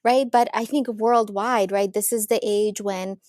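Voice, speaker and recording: A woman from Ukraine in her thirties, a psychologist telling her story as a podcast guest in an eager, lively way. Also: medium pitch, unhurried, no echo, clean studio sound. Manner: warm, eager storytelling with frequent laughs. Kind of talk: casual interview.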